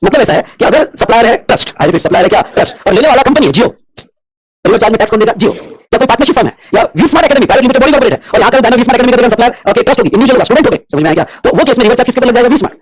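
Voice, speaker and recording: A man lecturing students on tax law at a breakneck clip. His voice sits high and sounds husky, with a dry, close sound. He keeps stopping to ask whether the class has understood. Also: expressive, dry recording. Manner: rapid mix of Hindi and English, constantly checking whether students follow. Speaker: commerce teacher.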